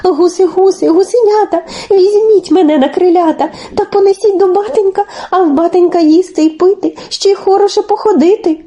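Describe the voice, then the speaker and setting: Woman doing a little boy hero, high and pleading. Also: a little fast, hardly any pauses, mellow. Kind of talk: audio fairy tale reading.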